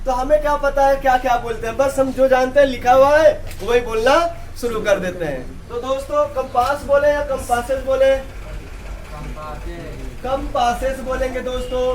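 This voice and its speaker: A man's voice: very high-pitched, moderate pace, slight background noise. A male English teacher in a classroom, teaching in call-and-response and repeatedly quizzing students with either-or questions. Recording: distant classroom recording with student chatter.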